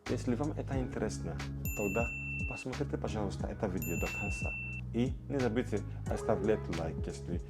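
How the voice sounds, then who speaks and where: A man introduces his own channel in a slow, careful way. His voice sits a little low. Clear music plays beneath his words. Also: animated. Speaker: YouTube channel host. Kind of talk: scripted vlog introduction. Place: outdoors in a city. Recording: background music.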